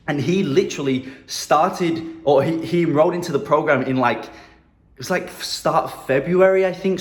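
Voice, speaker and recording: A man giving casual marketing advice to camera in a phone video, talking loosely with lots of fillers and "right?" tags from a room in his new apartment. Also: a little high. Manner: loose and chatty, many fillers like "um", "and whatnot" and "right?". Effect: phone video recording. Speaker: marketing agency coach. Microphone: handheld phone held at arm's length. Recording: echoey room on a phone mic.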